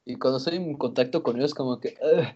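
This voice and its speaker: A man with a Mexican Spanish accent co-hosting a casual chat, slangy and animated when telling stories. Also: mid-range voice, quick pace, slightly rough. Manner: animated storyteller, laughs, slangy. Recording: lo-fi recording.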